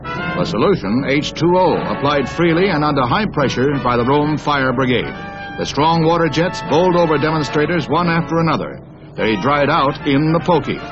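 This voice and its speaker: Male old newsreel narrator, slightly high voice, brisk and wry, muffled lo-fi film sound with music under it. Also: expressive. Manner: brisk, wry announcer delivery with punning asides.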